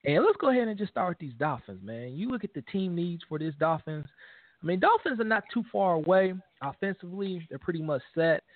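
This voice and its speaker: A man co-hosting a casual sports talk show, animated and joking, leaning on "man" at the end of his lines. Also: high voice, a little fast, dry recording. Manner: animated trash talk, laughing, repeats "man". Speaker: podcast co-host. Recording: dry, phone-like lo-fi audio.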